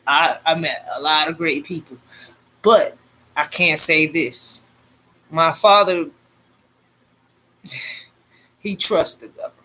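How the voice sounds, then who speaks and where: A man's voice: a little high, slow, long pauses, bright, forceful tone. A man hosting his own channel, talking in a loose, slangy, rambling monologue full of fillers and restarts. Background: faint homemade beat playing.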